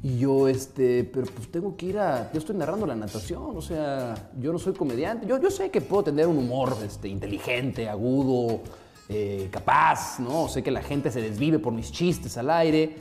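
Animated Mexican man telling stories. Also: medium pitch, moderate pace, roomy sound, soft background music. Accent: Mexican Spanish. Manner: animated storytelling, mock-pompous asides. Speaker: sports commentator. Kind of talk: casual podcast chat.

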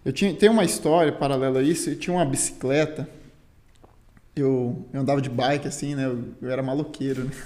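A man's voice: mid-range voice, fairly even intonation, fairly quick, darkish tone. A Brazilian man telling a story in casual, slangy chat as a guest, peppering his talk with filler words. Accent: Brazilian Portuguese. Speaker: guest, Muay Thai fighter and teacher. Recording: roomy, echoey sound.

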